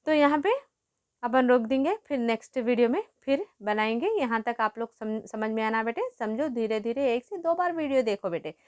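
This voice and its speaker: Woman teacher, higher register, patient, glosses words for kids. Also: animated, moderate pace. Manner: repeats and glosses hard words, calls pupils "beta". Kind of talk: explaining a Hindi lesson story to pupils.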